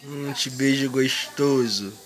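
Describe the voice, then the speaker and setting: A Brazilian-accented man holds his phone camera to film his baby in a small indoor bedroom, speaking from behind it in affectionate, drawn-out baby talk and asking playful questions. His voice is medium in pitch, and crowd noise can be heard in this casual home video.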